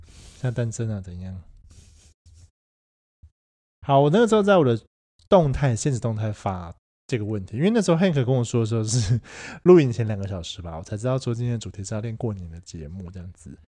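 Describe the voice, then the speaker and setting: A man with a Taiwanese Mandarin accent co-hosting a casual podcast chat, joking and breaking into loud laughter. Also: on the low side, sing-song, a little fast. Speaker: podcast co-host. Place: studio room with echo.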